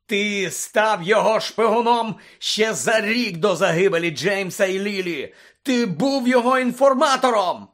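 A man reading an audiobook, voicing a vengeful male wizard who roars and rasps with contempt. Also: mid-range voice, a little slow, bright, forceful tone. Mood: furious. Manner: roaring, hoarse, contemptuous. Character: furious vengeful male wizard, roaring and hoarse.

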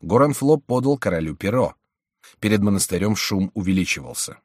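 Low guy narrating an audiobook, steady, very dry close sound. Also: fairly quick, dry recording.

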